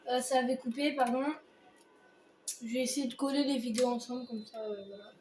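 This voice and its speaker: A woman hosts a gaming video with casual chat to viewers. Her intonation is flat. The room echoes, with faint noise and game ambience behind her. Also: a little high, brisk. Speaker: video host, gamer.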